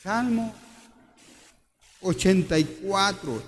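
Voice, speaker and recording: High-voiced pastor preaching in a reverberant church. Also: male voice, extremely slow, slight background noise. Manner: emphatic, repeats questions to the congregation. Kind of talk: sermon. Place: church hall.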